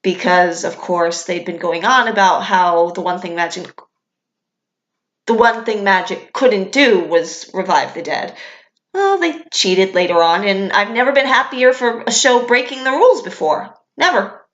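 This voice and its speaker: A woman's voice: mid-range voice, lively intonation, unhurried, a bit bright, lo-fi sound. A young woman, a vlogger, talking candidly and enthusiastically as a fan in casual commentary, with some casual swearing. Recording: echoey room.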